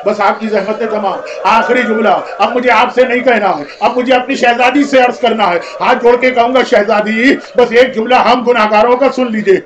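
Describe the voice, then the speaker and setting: A man's voice: very high-pitched, steady tone, hardly any pauses, highs cut off. A man with a Pakistani Urdu accent delivering an emotional mourning sermon, rising at times to wailing cries. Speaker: maulana delivering a majlis. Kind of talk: Shia majlis sermon recounting mourning narrative.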